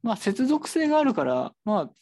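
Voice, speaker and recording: Bookshop staffer, casual chat, rambling with fillers, lively swinging pitch. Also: moderate pace, breathy edge. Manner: animated, rambling, full of fillers.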